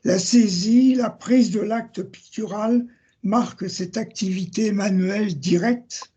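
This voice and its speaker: An older man giving an academic seminar lecture, reading measured passages from his notes, citing sources and page numbers, and correcting himself now and then. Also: high voice, dark tone, slightly rough.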